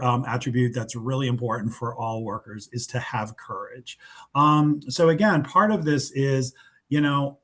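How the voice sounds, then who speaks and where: Male webinar host, mid-pitched, casual and unpolished, lots of ums, video call. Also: a bit bright. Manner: informal, loose, with many fillers. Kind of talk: webinar presentation.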